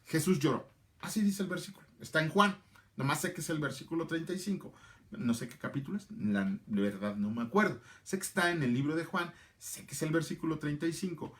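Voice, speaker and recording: A man's voice: fairly high pitch, a little fast, a bit bright. A middle-aged man, teaching a casual Bible class and answering viewers by name. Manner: chatty, answers viewer comments by name, repeats phrases.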